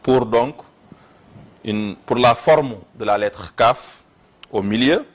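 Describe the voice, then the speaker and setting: A man with a Senegalese accent teaching Quran reading in a slow step-by-step lesson, repeating syllables aloud. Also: mid-range voice.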